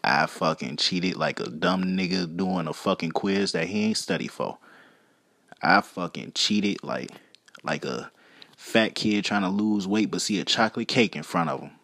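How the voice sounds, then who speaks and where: A man's voice: sits low, moderate pace, fairly bright tone, no room sound, clean studio sound. A man hosting a casual solo podcast, rambling in slangy, foul-mouthed talk. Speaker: podcast host.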